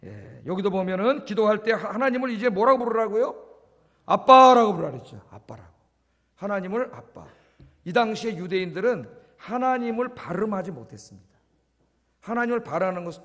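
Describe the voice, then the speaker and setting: Man preaching a sermon, high voice, long church reverb, call-and-response questions to the congregation. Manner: asks the congregation questions and answers them himself; repeats key words for emphasis. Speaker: pastor. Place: church sanctuary.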